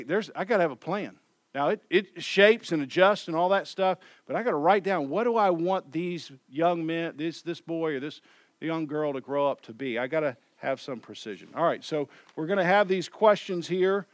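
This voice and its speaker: A man's voice: a little high, no echo. Conversational male pastor, dry close sound. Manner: conversational, repeats and restarts phrases. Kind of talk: sermon.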